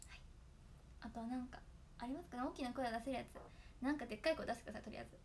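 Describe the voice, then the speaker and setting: A woman's voice: a little high, very fast, a little hiss or hum. A young woman chatting casually to fans, reciting tongue twisters and giggling often. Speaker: idol trainee talking to fans. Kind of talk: casual solo stream chat.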